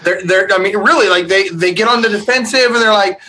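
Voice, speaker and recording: A man hosting a real estate webinar, energetic and upbeat as he introduces his guest and asks questions. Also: sits high, brisk, a little hiss or hum. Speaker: webinar host. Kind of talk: webinar interview.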